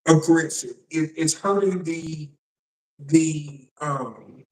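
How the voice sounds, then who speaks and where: A man hosting a live political news stream as a shock jock, talking casually to viewers in a halting way and repeating words. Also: fairly high pitch, darkish tone. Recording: roomy echo, distant microphone.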